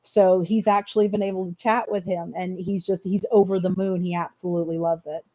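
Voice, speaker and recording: Middle aged lady sharing her story, mellow voice, earnest n halting, bit dull audio. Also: fairly low pitch, little pitch movement. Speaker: interview guest telling personal story. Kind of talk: personal storytelling in an interview.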